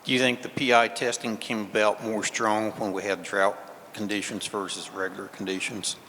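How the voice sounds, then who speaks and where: A man's voice: lowish voice, flat delivery, normal speed, pushed and bright, in a large hall, a little hiss or hum, rough recording. A man in the audience asking a veterinarian direct, plain questions about cattle.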